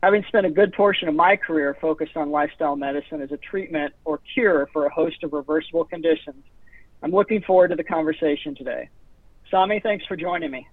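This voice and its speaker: A man hosting an interview podcast, his voice sitting a bit high for a man. He talks in a friendly, conversational way with some repeated words. The recording is dry and close, with a narrow, phone-like sound. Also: quick pace, no room sound. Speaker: podcast host.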